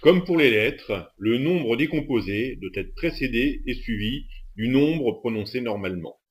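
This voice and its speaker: Male instructor, scripted lesson narration, even methodical read. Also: medium pitch, unhurried. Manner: steady, methodical delivery.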